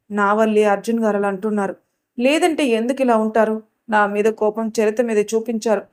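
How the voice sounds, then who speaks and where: A woman's voice: mid-range voice, darkish tone. A woman narrating a family drama audio story, reading all the characters' dialogue herself with only small changes in her voice. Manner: reads every character's dialogue in her own voice with small shifts.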